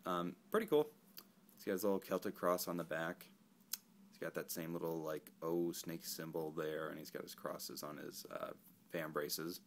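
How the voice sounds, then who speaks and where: A man's voice: sits low, normal speed, creaky, slight background noise. A man casually reviewing an action figure, rambling and correcting himself as he goes. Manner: rambling, self-correcting, laid-back. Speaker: toy reviewer.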